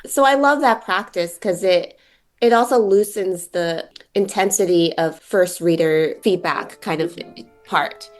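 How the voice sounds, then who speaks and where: A woman's voice: on the low side, a little slow, soft background music. A woman poet and teacher answering interview questions in an informal, reflective way, thinking aloud as she goes.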